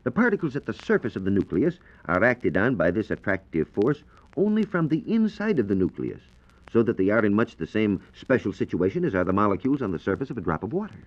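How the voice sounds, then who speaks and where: A fairly low-pitched American man, playing a 1940s radio reporter, delivers a formal, explanatory scripted science lecture in a fast, sing-song voice. It was made in a radio studio, and the 1940s recording sounds dull and lo-fi.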